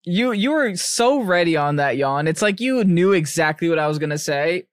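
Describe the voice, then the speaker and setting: A man's voice: on the high side, animated, moderate pace, no room sound. A man co-hosting a casual podcast, teasing his co-host and laughing often.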